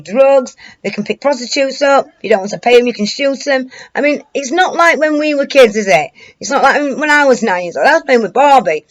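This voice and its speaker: A British woman giving informal commentary to an online audience, rambling and colloquial, with a hesitant, searching delivery. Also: a little high. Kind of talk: informal news commentary to camera.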